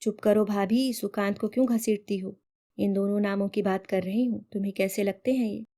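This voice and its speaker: A witty young sister-in-law, voiced by a woman narrator. She teases and banters in a lively, cheeky way, at a mid pitch. It suits a read-aloud story. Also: normal speed, lightly acted. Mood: playful. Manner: playful, teasing banter.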